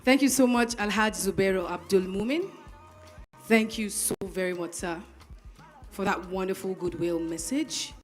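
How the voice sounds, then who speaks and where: A Nigerian woman hosting a public forum as emcee, lively and upbeat, hyping the audience and introducing the next segment. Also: mid-range voice, normal speed, soft background music. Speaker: master of ceremonies. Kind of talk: event hosting. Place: event hall.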